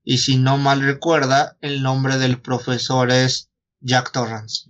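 A man's voice: mid-range voice, level tone, slow pace, a bit bright, dull audio, a little hiss or hum. A Mexican man retelling a story in casual chat, slangy and foul-mouthed, acting out the dialogue as he goes. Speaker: podcast host retelling a story.

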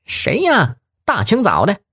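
A man doing a shrill, swearing kidnapper. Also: wildly swooping pitch, normal speed, no echo, clean studio sound. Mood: rough, nervous. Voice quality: thin, shrill. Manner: coarse, swearing, jittery. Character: squeaky-voiced rough male kidnapper. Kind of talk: audiobook character voice.

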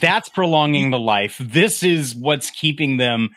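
A man's voice: mid-range voice, measured pace, no room sound. A man hosting a casual film discussion podcast, talking animatedly and acting out lines from the film. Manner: animated, acts out quotes in a breathy whisper. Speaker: podcast host.

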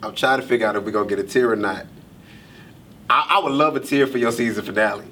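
A man's voice: quick pace, sharp tone, distant mic. Teasing man calling out from off-mic. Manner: teasing interjections from off to the side. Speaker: camera operator. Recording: voice from off-mic, faint rumble.

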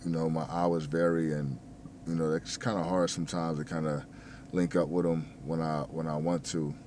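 A man in his thirties who grew up in New Jersey speaks in a very deep, low, slightly mumbled voice with flat delivery at normal speed. A restaurant manager and fitness vlogger, he rambles loosely, stumbling over words, using fillers and cursing casually, over a faint background hum.

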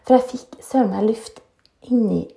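A woman yoga teacher tells personal stories in a loose, frank, chatty way. Her voice is warm and mellow rather than bright. The recording has a roomy echo around her. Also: a little high, gravelly. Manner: chatty, frank, often tags lines with "sant?". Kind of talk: casual storytelling monologue.

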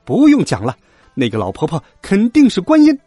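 A man voicing a hot-tempered male monkey king in a children's story, shouting shrilly. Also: extremely high pitch, slow, no room sound, soft background music, pitched above the performer's own voice. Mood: furious.

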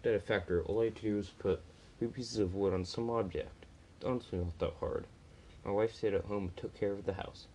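A man's voice: lowish voice, fairly even intonation, fairly quick, mellow, a little hiss or hum, rough recording. A man reading a first-person story aloud, plainly, with small slips and restarts.

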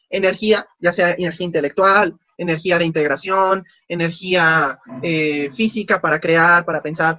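A man's voice: fairly high pitch, no room sound, muffled recording. A man, casually telling stories in an interview and acting out the dialogue. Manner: animated, acts out quoted dialogue. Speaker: guest.

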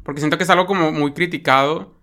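A man's voice: fairly high pitch, steady tone, quick pace, sharp tone. A man with a Mexican accent chatting casually about a film, rambling with lots of fillers and tag questions.

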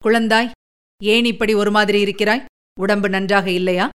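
A woman voicing a gentle emperor father. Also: mid-range voice, steady tone, moderate pace, smooth, lightly acted. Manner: gentle, soothing, reasoning. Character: kindly emperor father, calm and patient.

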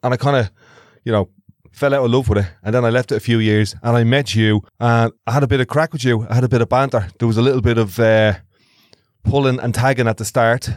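A man's voice: mid-range voice, steady tone, fast, no echo, clean studio sound. An Irish-accented man talking casually and reflectively as co-host of a podcast.

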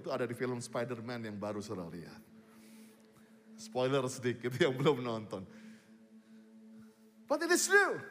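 Pastor, male, high voice, emphatic sermon delivery, long hall reverb. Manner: mixes English phrases, emphatic preaching with drawn-out words.

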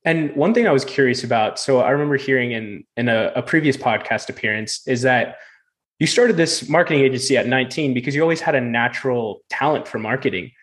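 A man's voice: mid-range voice, fast, a bit bright. A young man hosting a podcast, asking long, loosely phrased questions with lots of fillers. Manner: asks long rambling questions with many fillers. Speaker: podcast host. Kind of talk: casual interview conversation.

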